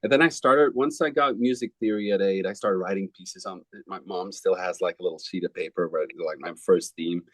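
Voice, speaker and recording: Low-voiced man from Belgium, rambling. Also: a little fast, few pauses, no echo, rough recording. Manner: relaxed, rambling, frequent restarts. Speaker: film composer. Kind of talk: casual interview answers.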